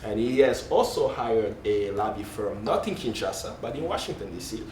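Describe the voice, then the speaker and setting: A man's voice: fairly low pitch, lively intonation, moderate pace. A man speaking as a panelist who searches for words, corrects himself and says um and uh often. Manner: searching, self-correcting, frequent um and uh. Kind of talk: panel discussion. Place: conference hall panel. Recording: roomy hall, distant mic, faint noise.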